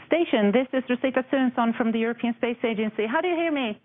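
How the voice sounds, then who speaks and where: A woman's voice: on the high side, fast talker. Fields: Sex: woman. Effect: space-to-ground radio link. Role: space agency moderator. Sound: tinny. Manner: formal, courteous radio protocol. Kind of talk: live radio call to a space station.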